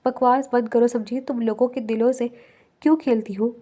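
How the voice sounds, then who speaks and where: A woman's voice: a little high, fairly even intonation, lightly acted. A woman reading the lines of a proud, heartbroken young woman in an audiobook novel. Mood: hurt. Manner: proud, sharp.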